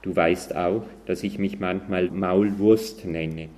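A sly, fast-thinking mole from a children's storybook, voiced by a man reading aloud. It pleads and wheedles, set higher than the reader's very deep voice. It talks slowly. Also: steady tone, darkish tone.

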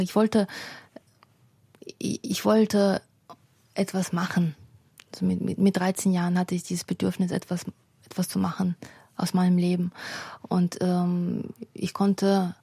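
A woman from Ukraine who grew up speaking talks slowly about her views, pausing often on fillers and restarting words. Her voice is husky and gravelly, darkish in tone and fairly flat in melody. The sound is dry and close. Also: fairly low pitch, no echo. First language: Russian. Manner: hesitant, many fillers and restarts. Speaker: writer, interview guest. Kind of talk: reflective interview answers.

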